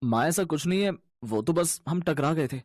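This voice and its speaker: A caring young husband from a cartoon story, voiced by a man. He sounds eager and cheerful, pitched a little high with a lively, bouncing delivery. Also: normal speed, no room sound, clean studio sound.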